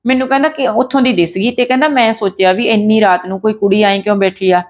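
A woman's voice: medium pitch, fairly even intonation, fast talker. A woman retelling a true story in a casual, conversational way, with fillers and restarts. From Punjab. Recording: dull lo-fi sound.

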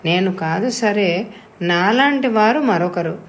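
A woman voicing a courteous young man who teases gently and wryly. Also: mid-range voice, lively intonation, takes it slowly. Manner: courteous, wry. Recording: echoey room.

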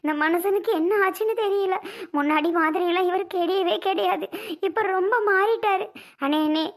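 Young wife in a family skit: very high, shrill, defiant, tearful; a woman plays her. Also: normal speed. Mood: wailing.

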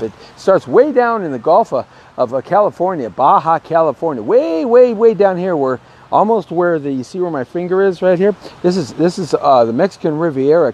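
A man's voice: a little high, darkish tone, muffled recording. A middle-aged man hosting a casual real estate vlog while walking outdoors, talking in a chatty, rambling way into an earbud mic. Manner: chatty, rambling, self-promoting. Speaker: real estate show host. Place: outdoors on a downtown street. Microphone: earbud headset mic, phone at arm's length. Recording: faint street noise outdoors. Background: faint city street and traffic noise.

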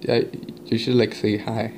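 Over a walkie-talkie app, a man hosts a casual prank chat, joking in slang and switching between English and Spanish. His voice is fairly low and flat, his pace unhurried, in a noisy amateur home recording.

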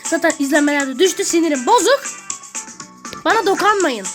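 A woman's voice: very high-pitched, expressive, fairly quick, music in the background. A woman ranting and swearing through gameplay commentary in a small bedroom at home. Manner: irritable, swears constantly, rants at the game. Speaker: gaming video creator.

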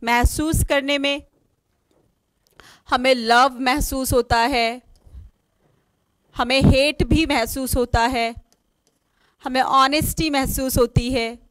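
A woman's voice: high voice, fairly even intonation, takes it slowly, pauses often, a bit bright, no room sound. A woman teaching an online exam-prep lesson, spelling words out letter by letter and asking questions she then answers herself. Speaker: English teacher.

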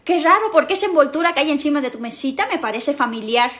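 A young woman acting out a comedy skit, sassy and full of quick comebacks. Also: sits high, lively intonation, fairly bright tone.

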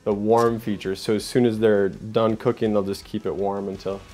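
In a home kitchen, a young man leads an easygoing cooking demonstration, describing each move as he makes it. His tone is level and mellow, his pace moderate, and faint music can be heard behind him. He's cheerful and chatty, dropping a "boom" mid-task.

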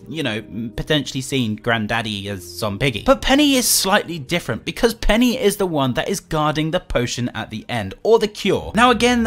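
Measured man laying out a theory. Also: sits high, a bit bright. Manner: measured, uses filler like "you know". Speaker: video creator explaining a theory. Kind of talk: explaining a game theory.

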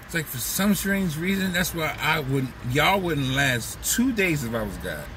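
A man's voice: on the high side, sing-song, unhurried, recorded from a distance, background noise. A man talking through a casual, profane, rambling comedic monologue as a vlog host, slipping into mocking voices. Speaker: vlogger host.

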